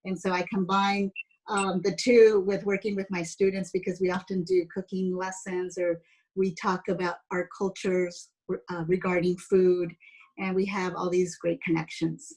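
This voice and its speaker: A woman in her fifties from San Jose, United States, speaks with a lowish, slightly mellow voice showing little pitch movement at a moderate pace. As an interview guest, this educator and former pastry chef explains things chattily and tells personal stories casually; the audio is poor.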